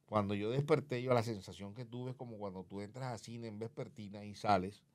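A man's voice: on the low side, steady tone, a little fast. A man telling his personal testimony as an interview guest, vividly acting out remembered dialogue. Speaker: guest sharing his life story.

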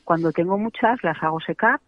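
A woman's voice: lowish voice, fairly quick, dry recording. A woman, a macrobiotic cooking guest on a radio interview, chatty and explanatory, with many tag questions. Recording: dry, tinny phone line.

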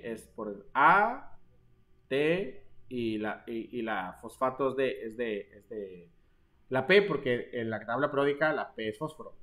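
A man's voice: medium pitch, a bit bright. A man, teaching a live online biology class in a joking, theatrical way and often calling his students "jóvenes". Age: 30s. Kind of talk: live-streamed exam prep class.

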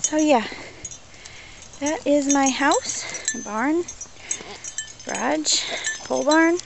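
A woman's voice: high voice, extremely slow, gravelly, background noise. A middle-aged woman chatting casually as she walks and films a tour of her farm outdoors, talking to her animals now and then. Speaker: homesteader giving a farm tour. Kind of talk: casual walking vlog narration. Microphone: handheld camera, filming while walking. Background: goats bleating, chickens.

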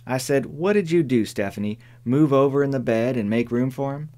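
A man voicing a sharp-tongued older woman neighbor in an audiobook, dry, firm and plain-spoken. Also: mid-range voice, brisk, pitched above the performer's own voice, natural voice. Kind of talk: audiobook character voice.

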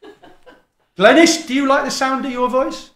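A very high-pitched middle-aged man preaches at normal speed from a lectern in a small church hall, with slight background noise. His East Midlands accent has a Welsh tinge, and he's animated, chatty, self-mocking, and acts out conversations. The audio comes from a stand mic at the lectern, with a camera filming across the room.

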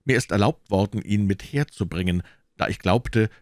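A man's voice: lowish voice, moderate pace, no room sound, lightly acted. A man reading aloud and voicing an earnest, heartfelt Victorian doctor in a voice close to his own. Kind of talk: audiobook reading.

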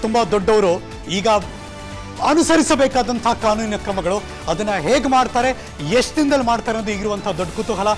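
A man's voice: high voice, expressive, a little fast, over music. A man anchoring a TV news bulletin in a studio, talking in an emphatic, conversational way and dropping in English phrases.

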